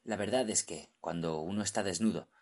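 A man narrating a story in a measured, steady audiobook reading. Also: low voice.

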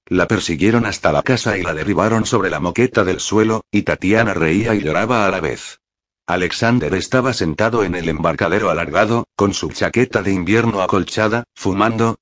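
A man narrating a novel as an audiobook, reading in a calm, measured way on a close mic. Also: sits low. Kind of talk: scripted narration.

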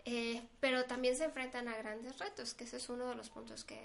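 A high-voiced woman co-hosts a casual podcast. She talks conversationally and keeps slipping into little quotes of what other people say. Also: fairly even intonation, fairly quick, vocal fry, a bit bright, slight background noise. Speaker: podcast co-host.

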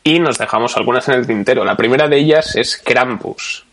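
A man hosting a film podcast, calmly introducing topics and asking his guests questions. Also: medium pitch. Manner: leads with questions, measured. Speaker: podcast host.

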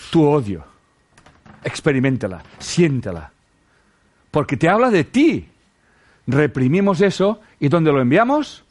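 A man with a Spanish accent from Spain giving a casual spiritual talk to a group, firing rhetorical questions, dropping earthy slang and calling his listeners sweethearts. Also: medium pitch. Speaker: spiritual teacher.

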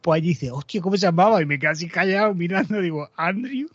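A man with a high voice tells a story in relaxed chat, laughing often and slipping into the voices of the people he quotes. The sound is dry and a little dull. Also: fast, breathy edge, no room sound. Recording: dull, slightly muffled, dry audio.

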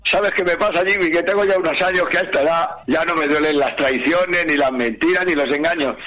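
A middle-aged man with a bright, fairly high voice tells jokes in a slow, relaxed way. He laughs at his own punchlines and puts on different voices for the people in his jokes. Faint music plays in the background. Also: poor audio. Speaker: joke teller. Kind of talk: casual joke-telling while drinking.

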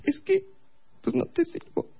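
A man's voice: measured pace, highs cut off, a little hiss or hum, natural voice. A man putting on the voice of his upset young girlfriend, squealing and petulant. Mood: whiny.

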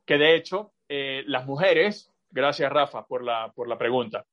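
A man's voice: mid-range voice, expressive, muffled recording. A man teaching a language class over a video call, explaining patiently with examples, asides and many fillers. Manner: drawn-out, repetitive phrasing with many fillers.

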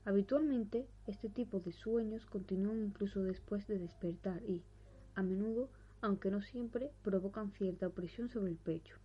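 A woman with a breathy voice reading a horror story in a measured, solemn way. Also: mid-range voice. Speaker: narrator. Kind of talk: scripted narration of a horror story. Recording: dull recording with faint music.

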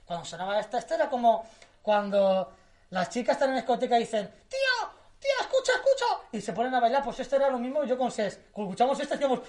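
A half-hoarse man from Spain co-hosting a podcast in casual chat, joking, laughing often and swearing freely. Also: very high voice, rapid-fire, a little mellow. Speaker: podcast co-host.

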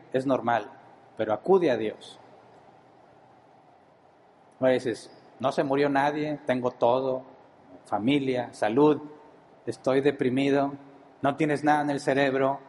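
Preacher, male, mid-pitched, teaching style, rhetorical questions. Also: a little mellow, slight background noise, low-quality recording.

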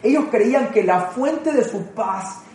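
A man preaching an online sermon in a conversational, emphatic way, often repeating words and slowing down to stress phrases. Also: very high-pitched, animated, a little mellow, roomy sound. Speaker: pastor.

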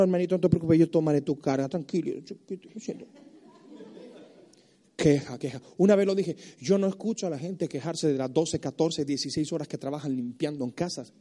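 Male pastor, very high voice, passionate sermon delivery. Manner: impassioned preaching, mimics complainers, builds to shouts. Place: church service.

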